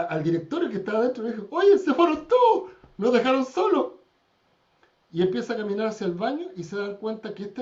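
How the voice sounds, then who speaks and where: A man's voice: sits high, darkish tone. A man teaching a church class, telling stories and acting out the people in them. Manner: storytelling, acts out quoted people with raised voice. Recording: dull lo-fi recording.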